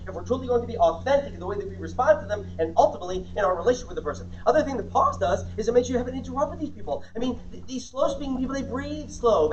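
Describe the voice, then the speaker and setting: A man giving a live sales seminar. His voice swings up and down with lots of inflection, and he keeps asking the audience questions. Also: a little hiss or hum. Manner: highly inflected, animated delivery. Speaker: sales communication trainer. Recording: distant mic, dull muffled sound.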